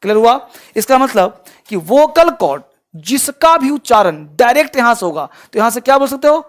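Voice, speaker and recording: A man's voice: extremely high pitch, very animated, normal speed. A man teaching an online English class in Hindi, asking his students questions and answering them himself. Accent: Bhojpuri-region Hindi.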